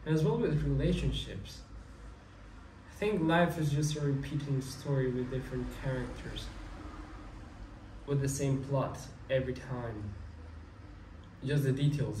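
In a casual, meandering monologue, a twenty-ish young man who vlogs keeps restarting his sentences as he thinks aloud. His medium-pitched voice sounds slightly mellow, picked up by a distant mic in an echoey room with a bit of ambient noise.

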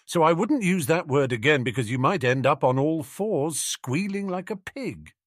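A man's voice: a little high, expressive, normal speed, no room sound, studio quality, pitched above the performer's own voice. A man voicing a defiant teenage boy wizard who speaks with cool, cutting contempt in an audiobook. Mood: cold contempt.

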